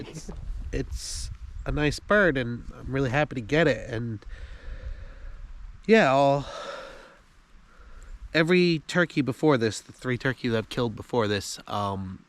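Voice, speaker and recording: A man in his thirties from the USA, talking casually for his hunting vlog outdoors on a farm, halting and emotional with many fillers. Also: medium pitch, a little hiss or hum. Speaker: hunting vlogger.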